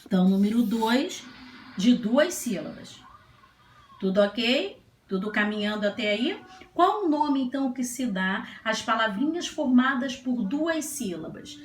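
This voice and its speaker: Patient woman teacher, sing-song and high. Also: expressive, unhurried, slight background noise. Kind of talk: children's classroom lesson. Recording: echoey room, faint ambience.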